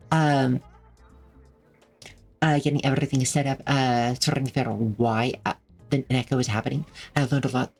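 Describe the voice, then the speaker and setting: A streamer chats loosely with viewers in a slightly husky voice, thanking them and drifting through restarts and fillers. The pitch sits in an ordinary middle range. Faint music plays under the talk from a home desk setup. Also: darkish tone. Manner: rambling, friendly, many fillers and restarts. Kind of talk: casual live-stream chat, reading chat. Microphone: desk microphone with noise filters.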